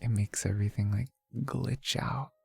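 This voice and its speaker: A playful, goofy livestreamer with a creaky voice, chatting casually to viewers and tossing in silly exclamations. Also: mid-range voice, steady tone, moderate pace, faint music behind. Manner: playful, goofy, with sing-song nonsense exclamations.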